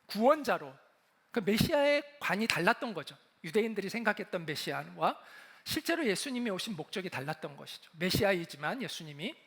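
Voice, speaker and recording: A man's voice: sits high, fairly bright tone. A middle-aged male pastor preaching a sermon, telling the story with animation and acting out the quoted lines.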